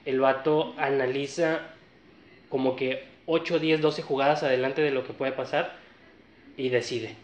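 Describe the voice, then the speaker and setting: A man's voice: medium pitch, unhurried. Northern Mexican man telling a story. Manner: relaxed, slangy storytelling with many fillers. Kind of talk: casual storytelling chat. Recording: echoey room, slightly dull sound.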